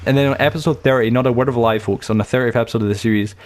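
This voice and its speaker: Racing along with fairly even intonation, this medium-pitched young man from the United Kingdom runs a gaming channel. His let's-play tour commentary rambles through stories and is peppered with fillers and restarts.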